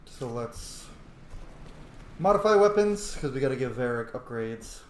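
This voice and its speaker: A gamer narrates his roleplay playthrough, muttering casual commentary to himself in short fragments. His voice sits at medium pitch with lively intonation and a measured pace. The room is echoey, with faint background noise.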